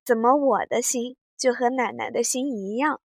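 A woman voicing a clever, sharp-tongued young maidservant in a read-aloud classic novel, talking in a teasing, sly way. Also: fairly high pitch, normal speed, dry recording, studio quality.

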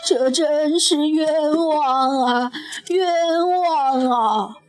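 A woman voicing a proud, hot-tempered male dragon king in a storybook tale, shouting accusations. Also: sits high, expressive, measured pace, soft background music, heavily acted. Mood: pleading.

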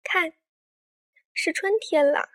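A woman narrating a picture book for children as the show's storyteller, speaking gently and coaxing young listeners. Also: high voice, normal speed. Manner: warm, coaxing tone addressing children.

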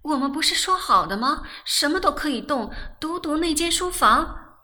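A woman's voice: high-pitched, expressive, moderate pace, sharp tone, pitched above the performer's own voice. A woman voicing an impulsive, childlike young woman who speaks urgently and breathlessly. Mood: flustered.

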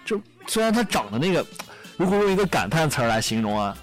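Young male radio host, higher voice with lively swoops, chatty and giggly, faint music behind. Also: quick pace. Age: young adult. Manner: chatty, laughs at his own jokes. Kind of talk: casual comedic storytelling.

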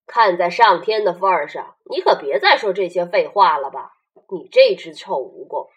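A gloomy, grumbling male earthworm from a bedtime storybook, as a woman reading aloud puts him on. His voice is lowered and sulky, a little husky, and always expecting the worst. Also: expressive, normal speed, highs cut off. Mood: irritated. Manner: glum, grumbling delivery.

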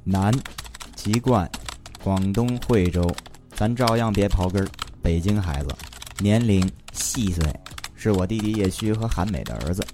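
Low-voiced Beijing man, wry comic narrator. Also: measured pace. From Beijing, China. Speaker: comic storyteller. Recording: clear background noise with keyboard clicks.

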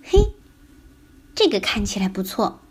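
A woman's voice: mid-range voice, sing-song, unhurried, husky. A woman voicing a curious, easily pleased young schoolboy in a children's story. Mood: delighted.

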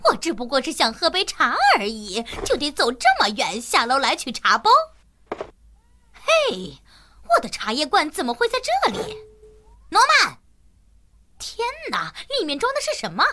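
A woman's voice: sits high, huge pitch swings, normal speed, background noise. A woman voicing an exasperated, grumbling mother and shopkeeper in a children's cartoon dub. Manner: dramatic, grumbling, scolding.

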